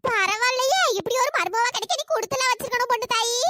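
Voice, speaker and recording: A woman's voice: very high voice, quick pace. A woman playing a gullible fretful old mother-in-law. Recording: noisy home recording.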